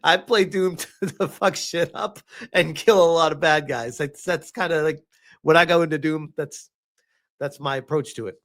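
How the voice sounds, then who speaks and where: A man with a slightly high, somewhat bright voice talks at a moderate pace while streaming. He reads a game review aloud and reacts to it, chatting with live viewers in an exasperated, sarcastic tone, often chuckling and swearing.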